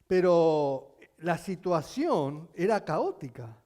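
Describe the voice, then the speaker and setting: A male pastor preaching a sermon, telling stories with animation and asking his congregation questions, at times rising to near shouting. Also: fairly high pitch, sing-song, slow. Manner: addresses the congregation with frequent questions.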